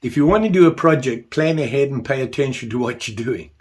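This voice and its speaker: Getting over the flu and congested, the older leatherwork vlogger rambles through casual workshop talk, often downplaying himself. He speaks at medium pitch, fairly quickly and expressively, with a slightly mellow quality.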